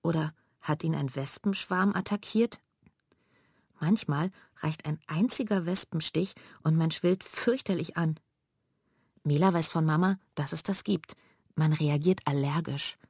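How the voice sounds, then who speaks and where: A woman narrating a children's audiobook in a clear storytelling manner. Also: deep voice, measured pace, darkish tone, no echo, clean studio sound.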